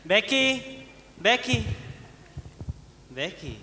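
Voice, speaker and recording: A man's voice: high voice, big pitch swings, bright, forceful tone, slight background noise, full character voice. An actor playing a shy young man who hesitates over asking a girl out. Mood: timid. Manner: timid, hesitant. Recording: echoey room with long reverb.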